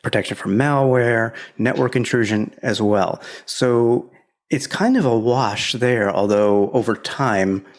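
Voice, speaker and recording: Gravelly man giving casual tech advice. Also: mid-range voice, a little slow. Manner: relaxed, explanatory, opinionated. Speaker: podcast co-host.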